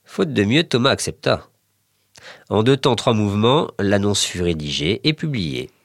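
A man narrating a written short story in an expressive, measured way. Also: on the low side, creaky, no room sound, studio quality. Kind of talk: scripted story reading.

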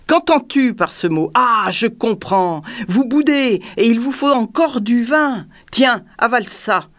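A woman's voice: mid-range voice, lively intonation, slow pace. A woman voicing a cruel, jeering tyrant king who bellows and mocks in an audiobook reading. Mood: furious. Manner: bellowing and mocking. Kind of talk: audiobook character voice.

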